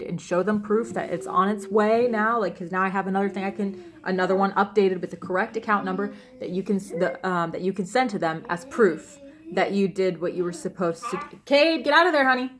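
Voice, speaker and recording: A woman's voice: mid-range voice, fairly even intonation, fairly quick. A young woman vlogger upset and rambling as she recounts a personal ordeal at home, full of restarts and fillers. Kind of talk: emotional personal storytelling.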